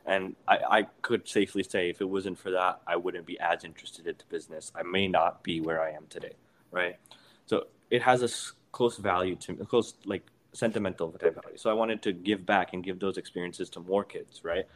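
A teenage man talking as a podcast guest in casual, opinionated chat, animated and often restarting his sentences. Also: low-pitched, fairly quick, slight background noise. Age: teens.

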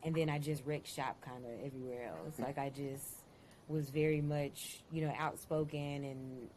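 A woman's voice: very deep voice, steady tone, normal speed, mellow, a little hiss or hum. A woman from Dallas, a podcast guest speaking candidly and outspokenly in casual conversation. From Dallas, Texas.

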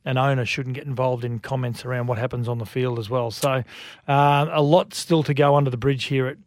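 Australian sports pundit, dry close sound. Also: male voice, medium pitch, fairly even intonation, brisk, no room sound. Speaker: rugby league pundit on a radio show. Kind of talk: sports talk commentary.

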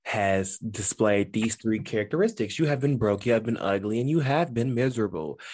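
A man co-hosting a podcast in casual chat, telling stories in an animated, slangy way. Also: on the low side, moderate pace, slightly rough. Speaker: podcast co-host.

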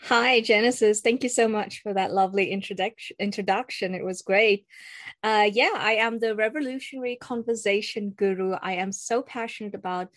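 With a mid-range voice and a moderate pace, a young woman from South Africa, guesting in an informal interview as a cross-cultural communication coach, speaks with earnest conviction. The audio has no echo, and her speech includes fillers and false starts.

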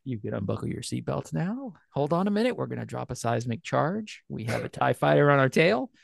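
A man's voice: mid-range voice, sing-song, a little fast, creaky, no echo, studio quality, full character voice. A man playing a joking starship pilot, giving mock cockpit orders to his passengers on a podcast. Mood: playful, urgent. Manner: mock cockpit announcements, half-laughing banter. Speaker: podcast host. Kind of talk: casual podcast chat.

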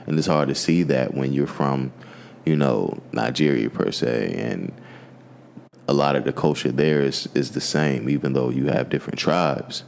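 Very deep, gravelly-voiced man chatting. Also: moderate pace, slight background noise. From United States. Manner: relaxed storytelling with many fillers. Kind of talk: casual conversation.

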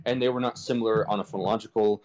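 A man's voice: on the low side, fairly even intonation, very fast, darkish tone, low-quality recording. A man guest on a chat podcast, explaining language history in a casual, irreverent, slangy way over a video call.

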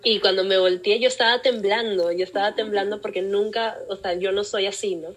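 A woman's voice: mid-range voice, a little fast, poor audio. A young woman with a Peruvian Spanish accent, telling her own story as a guest in an interview and acting out the voices she quotes. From Peru. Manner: animated, acts out voices in quoted speech. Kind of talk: personal storytelling in a podcast interview.

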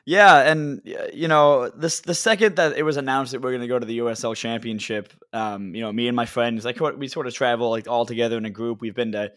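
A man's voice: medium pitch, steady tone, brisk, few pauses, fairly bright tone, dry recording. Young male podcast guest, dry casual sound. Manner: informal, peppered with "like" and "you know". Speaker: podcast guest, soccer supporter. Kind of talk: casual chat.

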